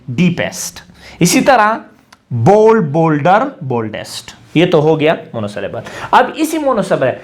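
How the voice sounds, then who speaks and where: Male teacher, grammar lecture, rises and falls a lot in pitch, asks and answers his own questions, drops in English phrases. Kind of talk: classroom-style grammar lecture.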